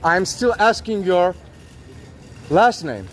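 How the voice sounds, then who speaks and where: A man with a high, sing-song voice speaks slowly in English, which is not his first language. As a citizen auditor filming police outdoors on a city street, he keeps repeating polite but insistent demands in a confrontational recording.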